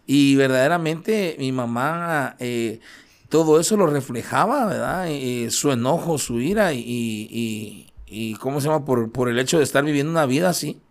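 A man with a Central American Spanish accent, a guest recounting his life story in an interview, talking haltingly with many fillers and tag questions. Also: mid-range voice. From Guatemala, raised in El Salvador. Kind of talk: personal testimony in an interview.

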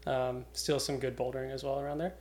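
A man's voice: medium pitch, little pitch movement, quick pace, slight background noise. A young man, chatting casually and informally as a podcast guest. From Cape Breton, Canada. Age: young adult. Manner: loose, informal, swears casually. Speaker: podcast guest, climbing route setter. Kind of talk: casual chat.

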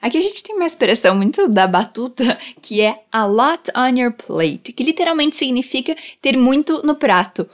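A young Brazilian woman with a fairly high voice teaches English phrases. She switches between quick explanations and slow, careful repetitions for students to copy, in a lively teacher's manner. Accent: Brazilian Portuguese. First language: Portuguese. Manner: lively, repeats phrases slowly for practice. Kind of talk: language lesson with drills.

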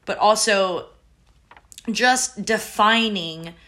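A woman's voice: medium pitch, very slow, pushed and bright. A woman hosting a faith book club discussion on a video call, speaking in an encouraging, reflective way. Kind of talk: casual group discussion.

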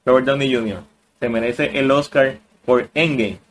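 A man's voice: medium pitch, normal speed, slight background noise. A man co-hosting a casual podcast chat, opinionated and mixing English words into his talk. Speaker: podcast co-host.

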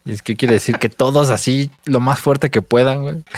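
A man's voice: mid-range voice, fairly even intonation, moderate pace, no echo. A man with a Mexican accent chatting casually and jokingly as a co-host, using plenty of slang. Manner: joking, slangy, laughs often. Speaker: co-host reading live chat comments. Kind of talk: casual chat.

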